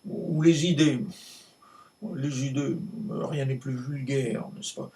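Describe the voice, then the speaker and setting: A male actor playing a cantankerous, world-weary French novelist in a hammy, halting, emphatic stage monologue with a gravelly voice. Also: mid-range voice, steady tone, warm tone. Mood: dismissive. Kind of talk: theatrical monologue performed in a conversational ramble. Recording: distant microphone.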